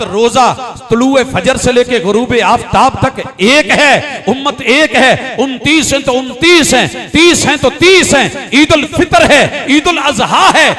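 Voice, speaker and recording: A man from Pakistani Punjab preaching a sermon with a Punjabi-inflected accent. He uses impassioned oratory built on rhythmic, repeated lists. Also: extremely high pitch. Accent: Punjabi-inflected Urdu.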